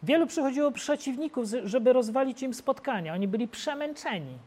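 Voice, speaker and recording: A man preaching a sermon in an animated, storytelling way. His voice jumps from loud, excited bursts to low, quiet asides as he paints the scene for the congregation. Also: brisk.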